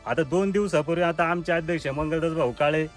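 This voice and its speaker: A man's voice: a little high, fairly quick, soft background music. Earnest man pressing his complaint. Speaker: local villager speaking to a reporter. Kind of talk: on-scene interview statement.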